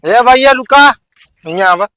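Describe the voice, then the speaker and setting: A man's voice: extremely high pitch, expressive, measured pace, pushed and bright, smooth, heavily acted. A man with an Awadhi accent playing a boastful, quarrelsome village drunk in a comedy sketch, slurring and rambling. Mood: grumbling. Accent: Awadhi, eastern Uttar Pradesh.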